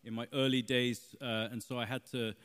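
A man's voice: mid-range voice, flat delivery, normal speed, a bit bright, clear, resonant tone, big-room sound. A man, a church interview guest telling stories with a playful, joking manner. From London, England.

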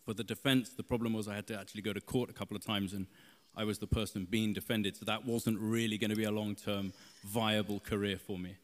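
A man's voice: fairly low pitch, steady tone, fast talker, big-room sound. A man, a church interview guest telling stories with a playful, joking manner. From London, England.

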